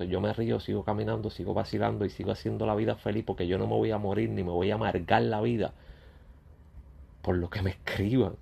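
Gravelly man ranting at critics. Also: fairly low pitch, mellow. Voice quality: gravelly, husky. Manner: blunt, confrontational, addresses critics directly. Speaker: YouTuber. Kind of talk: ranting vlog monologue.

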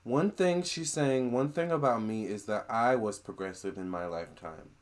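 A man in a casual monologue to camera, relaying a spirit's words in a chatty, animated way with gushing exclamations. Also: medium pitch, normal speed.

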